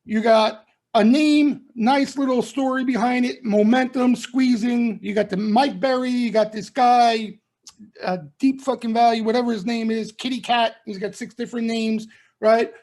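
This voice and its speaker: On this live market commentary broadcast, the middle-aged host's voice is very high but steady and darkish, moving at a normal speed. He lays out his views emphatically and bluntly in street-wise slang, punctuating almost everything with "okay?" or "right?"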